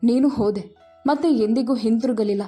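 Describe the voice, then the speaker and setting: Give me a gentle, tearful old mother, as a woman reads her in a storybook tale. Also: fairly high pitch, moderate pace, soft background music, natural voice. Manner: tearful, soft. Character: older poor mother, gentle and grieving.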